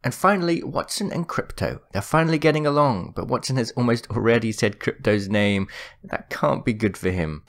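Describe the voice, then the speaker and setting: A man's voice: mid-range voice, brisk, slight background noise. A man hosting a gaming video with scripted commentary. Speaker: video host.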